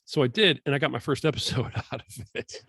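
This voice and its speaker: A man's voice: mid-range voice, fairly quick, creaky, a bit bright, breathy edge, dry recording, studio quality. A man hosting a podcast interview, talking in an encouraging, rambling way with plenty of fillers. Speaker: podcast host. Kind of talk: casual interview chat. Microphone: podcast microphone.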